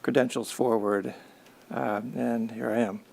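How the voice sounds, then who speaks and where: A man in his sixties, a committee member, giving a modest, halting self-introduction at a meeting. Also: medium pitch, fairly even intonation, vocal fry, darkish tone. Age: 60s.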